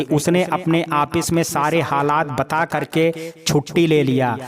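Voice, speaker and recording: A man tells a sad family drama as an audio story, in a fairly high voice with a plain, steady delivery. Crowd chatter is clearly heard behind him the whole time. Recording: crowd noise in background.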